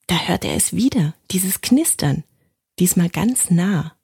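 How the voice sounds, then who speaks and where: Storyteller: woman, gentle bedtime reading, husky tone, dry close mic. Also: lowish voice, animated, unhurried, no room sound.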